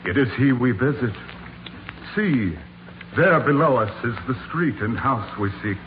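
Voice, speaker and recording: An actor playing a solemn, stately spirit with grave, declamatory delivery in 1940s radio style. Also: male voice, mid-range voice, animated, a little slow, natural voice. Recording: narrow-band, hissy 1940s radio recording.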